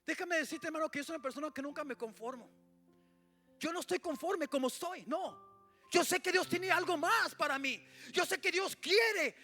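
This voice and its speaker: A male pastor preaches in a very high, sharp voice, swinging from shouts to quiet asides. Faint music plays behind him in the church. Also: animated, moderate pace. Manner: swings between shouting and hushed asides, repeats "mi amado hermano". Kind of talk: sermon.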